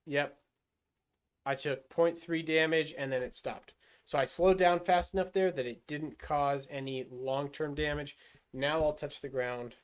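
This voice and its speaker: Smooth and steady in tone, this man's voice sits on the high side and moves a little slowly. Streaming a rocket game, he talks himself through each move aloud, muttering casually with fillers and restarts.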